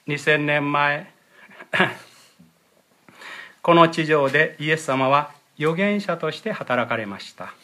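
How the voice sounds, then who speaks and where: A man giving a sermon as pastor, explaining Bible verses and their original words, often clearing his throat. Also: a little high, pushed and bright. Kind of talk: sermon with scripture reading.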